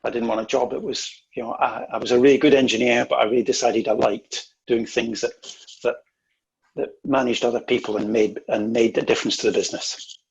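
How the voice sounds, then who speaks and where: A husky-voiced man leads an online workshop, coaching listeners emphatically and doubling back on his words. His voice comes through muffled, lo-fi video call audio. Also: medium pitch, little pitch movement, fairly quick. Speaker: workshop presenter.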